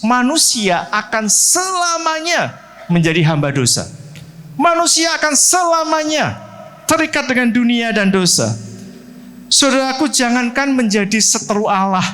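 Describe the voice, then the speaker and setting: A middle-aged man from Central Java preaches with a high, lively voice that keeps leaping up and dropping low. He asks the congregation questions as he goes and slips English words into his sermon. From Central Java, Indonesia. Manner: animated preaching with lively pitch swings and direct questions to the congregation. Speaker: pastor.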